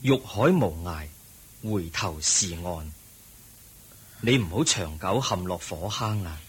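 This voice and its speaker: A man with a Hong Kong Cantonese accent playing the Buddha as a calm, gentle and wise teacher in a radio drama. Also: deep voice, breathy edge, heavily acted. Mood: calm counsel. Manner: gentle, measured, preaching.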